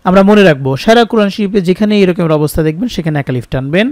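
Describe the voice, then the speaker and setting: A man with a Bangladeshi Bengali accent teaching Quran reading, spelling each word letter by letter and then chanting the verses slowly. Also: high voice, lively intonation, a little mellow, no room sound, clean studio sound. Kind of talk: spelled-out Quran recitation lesson.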